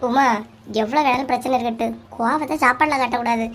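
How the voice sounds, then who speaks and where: Cartoon comedy: woman playing squeaky, nagging village neighbor women, Kanyakumari Tamil accent, scolding banter. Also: normal speed, a little hiss or hum, natural voice. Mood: bickering. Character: bickering, sharp-tongued village women neighbors.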